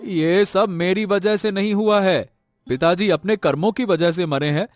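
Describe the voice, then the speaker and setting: A man's voice: high voice, unhurried, faint music behind. A man playing a greedy, scornful elder son. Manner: brusque, dismissive, repeats "no, no". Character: greedy, stubborn elder son demanding his share. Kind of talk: animated story voice acting.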